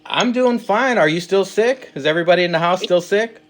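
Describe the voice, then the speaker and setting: A man hosting a casual podcast interview, upbeat and quick to laugh at himself. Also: sits high, expressive. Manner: upbeat, laughs easily, self-mocking. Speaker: podcast host.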